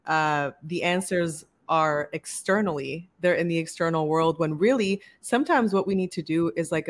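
A woman hosting a podcast interview, upbeat and enthusiastic as she welcomes and questions her guest. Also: low-pitched. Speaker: podcast host.

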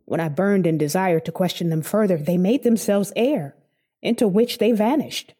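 A woman playing a brooding, ambitious warrior lord in a Shakespearean drama, measured and grave. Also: mid-range voice, dark tone, natural voice. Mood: awed. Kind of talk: dramatic Shakespearean verse acting.

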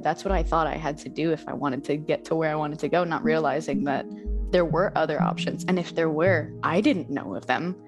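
A young woman speaks openly and reflectively in an interview, a touch low in pitch. Faint music sits behind her. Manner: open, reflective, with soft laughs. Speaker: guest. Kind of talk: candid personal interview.

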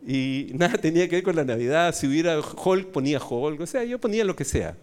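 A man's voice: fairly high pitch, lively intonation, a little fast, soft background music. A man pastor with a Peruvian accent preaching a sermon, telling playful stories, acting out both sides of dialogues and asking the audience questions. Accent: Peruvian Spanish. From Peru. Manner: asks the audience questions and has them repeat. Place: church auditorium.

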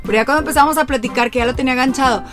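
A woman's voice: sits high, racing, fairly bright tone, faint music behind. An emotional, chatty woman with a Mexican accent talking casually. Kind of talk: casual chat.

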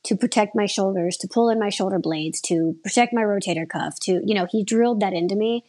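Husky woman chatting in a rambling way. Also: medium pitch, fairly quick. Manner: lively, rambling, restarts sentences often. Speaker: aerial performer, guest. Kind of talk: casual interview chat.

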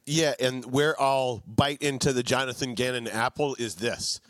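A man's voice: mid-range voice, fairly even intonation, unhurried, fairly bright tone, dry recording. A man co-hosting a casual sports podcast, delivering emphatic, profane rants.

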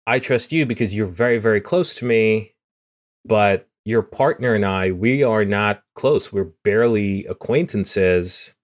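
Earnest low-voiced man from Guyana. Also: measured pace. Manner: earnest and open, with frequent restarts. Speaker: podcast co-host. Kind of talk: casual podcast conversation.

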